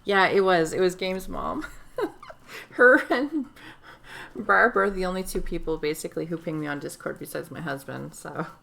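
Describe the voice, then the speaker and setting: A woman streamer, hoarse and losing her voice, chatting casually while playing a game at home. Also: low voice, steady tone, brisk, hardly any pauses, fairly bright tone. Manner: chatty, rambling, self-interrupting. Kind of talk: casual live gameplay commentary. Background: game music.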